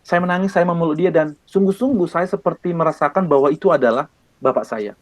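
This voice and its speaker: A man from Indonesia, an evangelist, telling his personal testimony in an earnest way, with many pauses and repeated phrases. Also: fairly high pitch. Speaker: evangelist guest.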